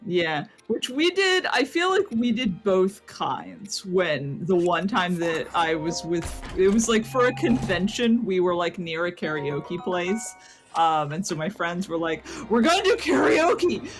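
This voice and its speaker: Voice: mid-range voice, animated, unhurried, low-quality recording. Rambling co-host on a gaming stream. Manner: meandering, rambling storytelling. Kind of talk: casual chat. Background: game music.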